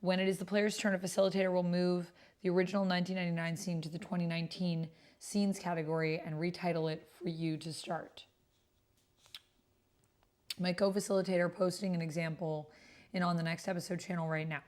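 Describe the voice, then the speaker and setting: A woman with a slightly low, darkish voice hosts a casual livestream, switching between reading messages and prompts aloud and chatting about them. Her delivery is flat and brisk, and she also plays tabletop roleplay games.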